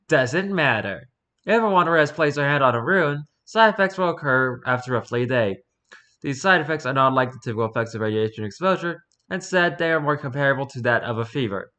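A streamer reads wiki pages aloud and reacts to them in a casual way, adding wry, offhand asides and sometimes stumbling over the words. His mid-range voice is bright and forceful.

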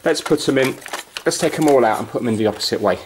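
A man hosts a hands-on amateur repair video in a carpeted room at home, thinking aloud in casual, unscripted commentary. His voice is medium-pitched and fast, and the home camera audio is noisy with clicks.

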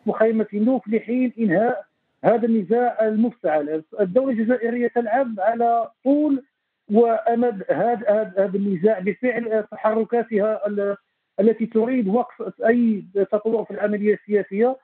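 A man speaking as a guest analyst in a TV debate, talking fast and insistently with restarts. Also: sits high, slightly rough. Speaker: guest analyst on Western Sahara affairs. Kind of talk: remote TV debate commentary. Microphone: phone line. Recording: tinny phone line.

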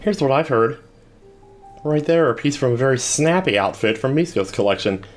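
A man's voice: mid-range voice, animated, moderate pace, soft background music, voice pushed up, natural voice. A man voicing a chatty townsperson in a video game, passing on a rumor in a confiding tone. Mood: gossipy.

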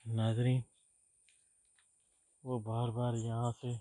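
A man's voice: medium pitch, monotone, slow pace, warm tone, slight background noise. A man hosting a ghost-hunting vlog outdoors in a forest at night, pleading and calling out repeatedly. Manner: pleading, calls out repeatedly in fear. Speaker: ghost-hunting show host. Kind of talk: paranormal vlog narration and banter.

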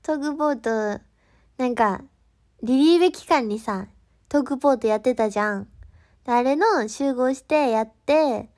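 Young woman, Kansai accent, high-pitched, casual livestream chat, playful, giggly, talks about herself in third person. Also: moderate pace, a little mellow. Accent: Kansai Japanese. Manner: chatty and playful, calls herself by her own name, giggles often.

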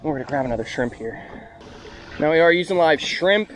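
Young male vlogger, slightly high voice, upbeat running narration from a boat, clear wind and water noise. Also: animated, fairly quick. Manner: upbeat, talks to the camera while working the line. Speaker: fishing vlogger. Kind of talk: casual solo narration while fishing. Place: open flats boat on the water outdoors. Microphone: action camera mounted on the boat.

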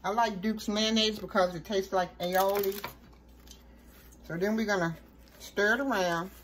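A woman hosting a cooking show, walking through a recipe step by step in a relaxed, chatty way. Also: medium pitch, a little slow, rough recording. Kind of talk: casual cooking demonstration.

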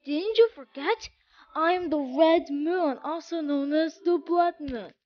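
A woman's voice: high voice, measured pace, muffled recording. A woman voicing a weary, sighing Moon who turns to a mock evil voice when red, in a homemade comedy skit. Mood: mock-sinister.

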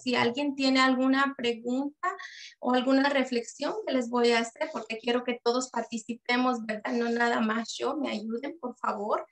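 A woman volunteer leading a parish parents' meeting, speaking unhurriedly with many hesitation fillers, then praying and reading a psalm aloud. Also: high voice. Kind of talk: catechesis talk with prayer and scripture reading.

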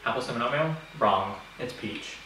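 A man's voice: mid-range voice, lively intonation, brisk. A young man doing a casual challenge video with a friend, teasing and squealing in disgust. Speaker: vlogger. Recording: echoey room, distant mic, faint hiss.

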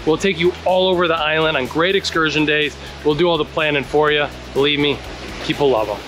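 A man's voice: a little high, fairly even intonation, brisk. A man in his thirties hosting a casual travel vlog outdoors, giving friendly tips while walking with a handheld camera. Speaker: travel guide host. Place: outdoors on tropical trails and roadsides. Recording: music playing behind the voice.

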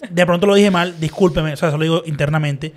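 A man hosting a casual podcast chat, animated and acting out the people in his stories. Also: on the high side, quick pace. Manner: animated storyteller, acts out quoted people. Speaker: podcast host.

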